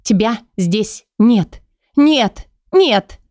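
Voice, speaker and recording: A man's voice: animated, extremely slow, darkish tone, no room sound, studio quality, full character voice. A man voicing a tearful young woman. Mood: frantic. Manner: high, pleading, near tears. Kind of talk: audiobook character voice.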